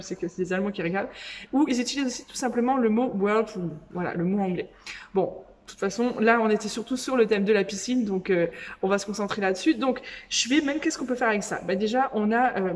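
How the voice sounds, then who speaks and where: A young woman gives a casual German lesson while seated beside a swimming pool. She talks in a friendly, chatty way and slows right down to say each new word clearly. Faint ambient sound hums behind her. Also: mid-range voice, a little mellow, a little hiss or hum. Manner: chatty, spells out German words slowly. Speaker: German language teacher. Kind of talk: casual teaching video.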